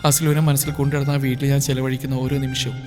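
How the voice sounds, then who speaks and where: A remorseful young wife speaks quietly, pleading and full of regret, as a male narrator reads her in his own voice. This audio story carries long reverb. Faint music runs underneath. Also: mid-range voice, level tone, quick pace, close to an everyday voice. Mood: regretful. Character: young wife, guilt-ridden and tearful.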